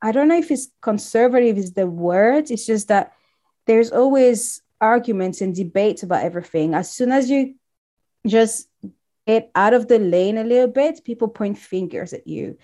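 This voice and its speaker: Speaking as an interview guest, this Congolese-born woman in her thirties shares her story in a warm, casual way, with frequent restarts. Her voice runs a little high with lively intonation at a normal speed.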